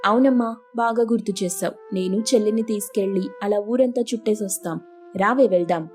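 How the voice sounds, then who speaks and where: A woman's voice: mid-range voice, a little fast, a little mellow, faint music behind, lightly acted. A woman voicing an arrogant, bossy rich elder sister who brags and sneers at the poor. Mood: fussy. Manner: haughty, boastful and scornful.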